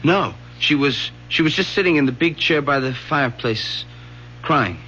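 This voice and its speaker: An actor playing a shaken, guilt-ridden teenage son, earnest and hesitant, with an American accent in radio drama style. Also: male voice, a little high, lively intonation, moderate pace, sharp tone. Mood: troubled. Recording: dull lo-fi old radio broadcast, faint hum.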